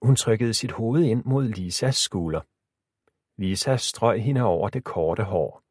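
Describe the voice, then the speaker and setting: Expressive male audiobook narrator. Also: on the low side, breathy edge, no room sound, clean studio sound. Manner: expressive storytelling.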